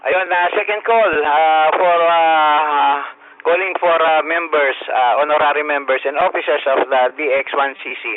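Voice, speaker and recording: Older Filipino man as radio net controller, slightly high voice, halting fillers, two-way radio transmission with a narrow band. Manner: halting, frequent "ah" fillers, spells call signs phonetically. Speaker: net control operator of an amateur radio roll call. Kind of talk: radio net roll call in mixed Tagalog and English.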